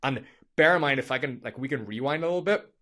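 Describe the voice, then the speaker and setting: A young man telling a story on his podcast, energetic and profane, with lots of fillers, speaking into a studio microphone. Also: medium pitch, quick pace. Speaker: podcast host. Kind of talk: casual storytelling monologue.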